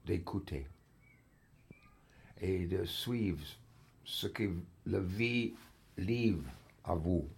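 Fields: Sex: man. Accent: English. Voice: very low, gravelly. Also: a little mellow. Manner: halting, searching for French words. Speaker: writer interviewed on archive radio. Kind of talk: radio interview answers.

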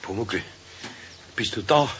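Meister Eder, flustered low-voiced Bavarian craftsman. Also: slow. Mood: awkward, evasive. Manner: hesitant, muttering, apologetic. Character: good-natured older craftsman, flustered, grumbly, worried. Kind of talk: children's radio play acting. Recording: dull 1970s radio recording, faint noise.

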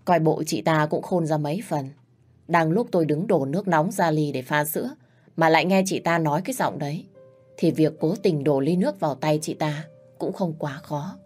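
Low-voiced woman telling a story. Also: moderate pace, breathy edge, soft background music. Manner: steady, intimate first-person telling. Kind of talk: first-person story narration.

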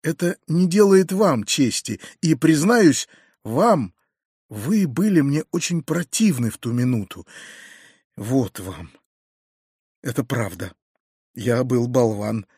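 Male audiobook narrator, first-person literary reading, husky, dry close sound. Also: medium pitch, takes it slowly, long pauses, dry recording. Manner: earnest, expressive reading.

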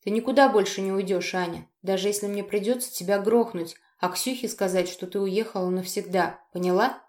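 Woman reader doing a hoarse, menacing jealous young man who snarls through clenched teeth; roomy recording. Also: medium pitch, fairly quick, a little mellow, close to an everyday voice. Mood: furious. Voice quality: hoarse, growling. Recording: roomy echo.

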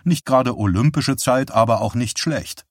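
A man narrating an audiobook in a calm, even reading voice. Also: medium pitch, moderate pace, no room sound. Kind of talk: scripted narration.

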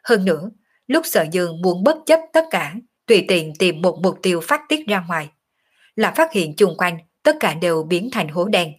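A woman narrating a martial arts novel as an audiobook in a steady, dramatic storytelling manner. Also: on the low side, moderate pace, slightly rough.

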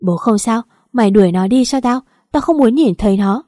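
A woman reads as an enraged old father shouting from his sickbed in a storybook audio drama, the voice mellow and dark. The delivery is loud and harsh, and the sound is dry and close with no room around it. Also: on the high side, animated, brisk, dry recording, close to an everyday voice. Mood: furious. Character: furious bedridden old father disowning daughter.

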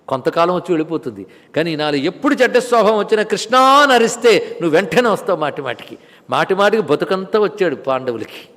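Male preacher, high voice, lively: bursts of emphasis, hushed asides, slow chanted verses. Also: long reverb tail. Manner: animated, swings between loud exclamations and soft asides, chants Sanskrit verses slowly. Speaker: spiritual discourse speaker. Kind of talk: devotional sermon on scripture.

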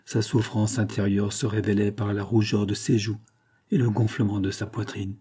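A man narrating a novel as an audiobook, in a steady, measured storytelling manner. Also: fairly low pitch, slightly rough.

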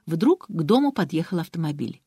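Brief: woman audiobook narrator, lively intonation, dry close recording. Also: low voice, a little fast, breathy edge, dry recording. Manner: expressive, animated reading.

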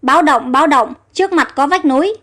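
A woman's voice: sits high, a little fast, fairly bright tone. A woman reading the alarmed calls of male soldiers in an audio story.

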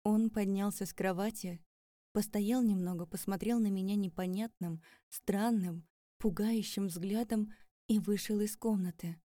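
Mellow-voiced woman narrating an audiobook. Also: mid-range voice, steady tone, measured pace, no echo. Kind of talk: first-person audiobook narration.

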